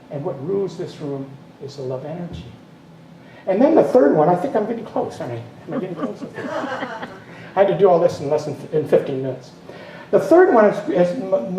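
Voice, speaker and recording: A man's voice: fairly high pitch, dark tone, slight background noise. A man giving a sermon as minister, rambling and breaking off with chuckling asides. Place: spiritual center meeting room. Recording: roomy hall from a distance, faint ambience.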